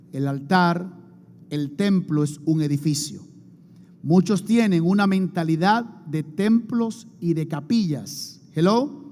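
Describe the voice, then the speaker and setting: A man's voice: high voice, darkish tone. A man preaching a sermon as pastor, emphatic, calling on the congregation to repeat after him and answer. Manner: emphatic preaching with call-and-response prompts to the congregation. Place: church hall before a congregation. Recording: long hall reverb, faint music behind.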